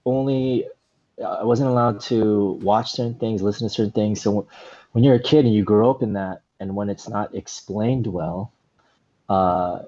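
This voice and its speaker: Low, mellow-voiced man in his forties. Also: lo-fi sound. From Southern California, USA. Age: 40s. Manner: relaxed, rambling, heavy use of "you know" and "like". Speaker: stand-up comedian, guest. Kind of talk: casual interview storytelling.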